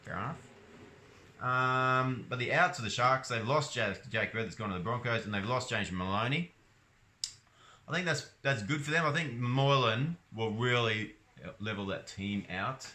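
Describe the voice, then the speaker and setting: A man's voice: mid-range voice, normal speed, sharp tone. A young Australian man talking casually about rugby league in his own vlog, rambling and hesitant with lots of ums and restarts. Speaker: sports vlogger.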